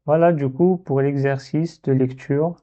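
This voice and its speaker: Guy teaching slow and patient, super mellow dark voice, kinda muffled recording. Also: medium pitch, fairly even intonation. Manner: patient, repeats syllables slowly to demonstrate. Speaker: Arabic reading teacher. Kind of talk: step-by-step explained lesson.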